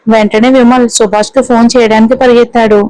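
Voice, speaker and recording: Female storyteller, higher voice, flat steady delivery, dry close sound. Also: brisk, clear, resonant tone, no room sound, low-quality recording. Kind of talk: scripted narration.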